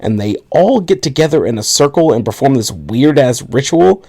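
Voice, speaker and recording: Young male podcast co-host, lively pitch, sarcastic plot recapper. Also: normal speed. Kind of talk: casual movie review chat.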